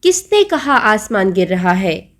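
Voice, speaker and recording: A woman's voice: mid-range voice, big pitch swings, a little slow. A woman voicing a brave, wise male lion, king of the jungle, who asks commanding, roaring questions in a storybook lesson.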